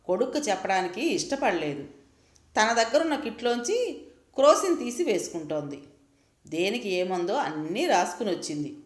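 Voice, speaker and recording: A woman narrating a short story with lively, expressive storytelling. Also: mid-range voice. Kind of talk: reading a short story aloud. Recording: echoey room.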